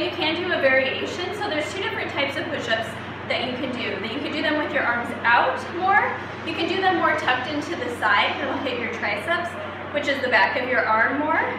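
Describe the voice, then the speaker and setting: A high-voiced woman coaches a workout, explaining each exercise as she demonstrates it. She is heard from across a very echoey room, with clear background noise around her. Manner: instructive, demonstrating while exercising. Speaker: fitness instructor. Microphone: camera at a distance. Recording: echoey room from far off, noisy.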